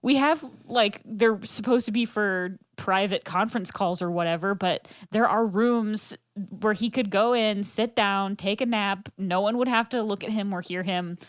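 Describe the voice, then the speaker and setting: A woman's voice: medium pitch, moderate pace, few pauses, no room sound. A woman co-hosting a podcast, telling a rambling workplace story in casual chat with lots of fillers.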